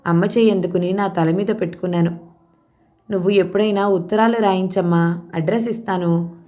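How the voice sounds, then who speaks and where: A woman's voice: fairly low pitch, steady tone, a little fast, dark tone. A woman narrating a novel aloud, shifting her tone for the quoted dialogue of each character. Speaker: audiobook narrator. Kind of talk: reading a novel aloud, voicing all characters.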